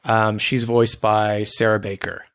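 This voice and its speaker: A man's voice: lowish voice, level tone, measured pace, a bit bright, smooth. A young man co-hosting a podcast, easygoing and rambling, often restarting his words. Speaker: podcast co-host. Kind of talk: casual chat.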